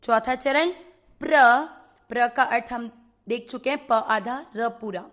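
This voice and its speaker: A woman's voice: on the high side, slow, fairly bright tone. A woman teaching Sanskrit pronunciation syllable by syllable, repeating sounds carefully and chanting each verse line back.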